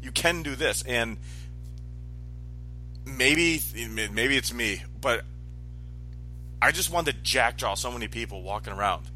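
A man's voice: medium pitch, animated, measured pace, pauses often, bright, forceful tone, soft background music, poor audio. A man in his forties chatting casually, rambling and correcting himself as he goes. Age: 40s. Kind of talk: casual chat.

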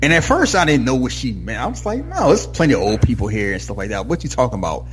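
A man, married, telling a story in candid casual chat, animated and swearing freely. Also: medium pitch, fast, soft background music.

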